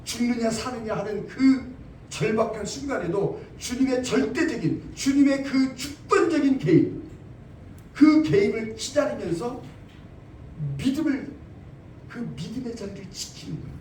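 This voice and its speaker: Male pastor preaching in a church, lively swooping high voice, mellow tone, emphatic repeats; caught from a distance. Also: unhurried, a little hiss or hum. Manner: emphatic, repeats phrases, asks rhetorical questions. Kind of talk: sermon. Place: church sanctuary. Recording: roomy, distant church recording.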